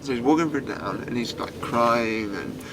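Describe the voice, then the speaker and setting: A man's voice: medium pitch, normal speed, background noise. A young British man telling a story casually, chatty and full of fillers.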